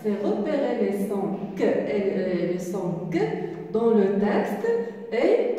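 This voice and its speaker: A woman primary school teacher with a Moroccan French accent gives a reading lesson for young children, slowly breaking words into syllables and repeating them. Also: medium pitch, sing-song, mellow. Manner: slow, syllable-by-syllable, with many repetitions. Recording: echoey room, distant mic, faint noise.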